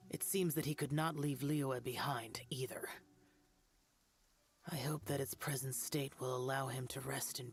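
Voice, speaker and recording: In a video game, an actress with a bass female voice plays a stern, formal master of an ancient ritual art, giving instructions in measured tones.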